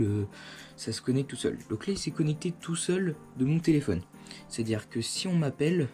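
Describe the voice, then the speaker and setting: A man with a mellow, medium-pitched voice hosts a motorcycle gear review channel and demonstrates a product hands-on at home. Indoors, he explains things in an informal, conversational way.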